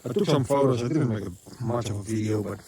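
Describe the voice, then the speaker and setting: Talking fast in a lowish voice over crowd noise, a South African man rambles through a casual vlog at his rural homestead. He frequently says um and keeps pausing to correct himself.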